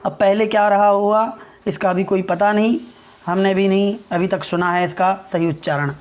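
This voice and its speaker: A woman from India, teaching a pronunciation lesson in a slow, explanatory way and often checking in with her listeners. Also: mid-range voice, fairly even intonation, a little mellow. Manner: spells out and drawls sounds for demonstration.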